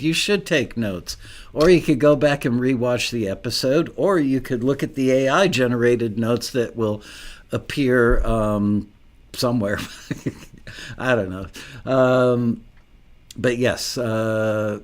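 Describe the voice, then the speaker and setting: Chatty American man hosting casually. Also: medium pitch. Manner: chatty, rambling with asides. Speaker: host of a live online show.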